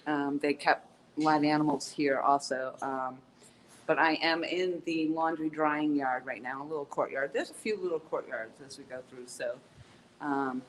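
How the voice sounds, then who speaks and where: A woman with a low voice hosts a casual live-stream tour in an outdoor courtyard, greeting viewers in a chatty, upbeat way with lots of ums. She sounds stuffy-nosed and sniffly, and there's a little hiss or hum.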